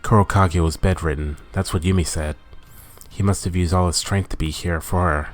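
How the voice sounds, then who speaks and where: A man with a very deep, low voice reads a story game's text aloud in a steady, measured way. Now and then he stumbles and corrects himself, while soft game music plays behind him. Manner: steady, measured reading with small slips. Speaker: gaming channel host.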